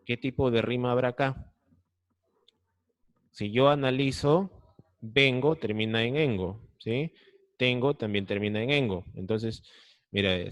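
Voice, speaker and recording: A man's voice: medium pitch, no room sound. A man with a Peruvian Spanish accent teaching an online class over a video call, patiently explaining step by step and often checking that students follow.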